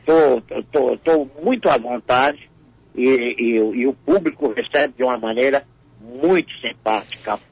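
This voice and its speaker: An older male comedian telling stories in a radio interview, tripping over repeated words as he goes. His voice is gravelly and husky. The sound is dry and a little muffled. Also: medium pitch, unhurried, no echo. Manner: repeats words often, storytelling. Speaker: comedian guest.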